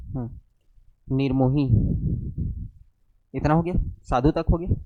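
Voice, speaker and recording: A man's voice: medium pitch, unhurried, dark tone, no echo. A man teaching a grammar lesson to a class, checking spellings with short questions and answers. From central India. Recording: dull lo-fi classroom recording.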